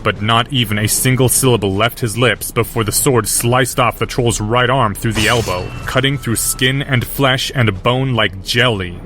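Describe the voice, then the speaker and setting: A man reading audiobook narration in a steady, measured way. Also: mid-range voice, faint music behind.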